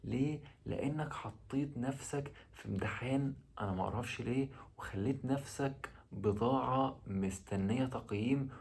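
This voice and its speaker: A man with an Egyptian Arabic accent talks casually straight to his listener, giving advice and posing rhetorical questions. His voice is husky and breathy, set at an ordinary middle pitch for a man. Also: darkish tone. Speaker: dating advice vlogger. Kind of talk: casual advice talk to the viewer.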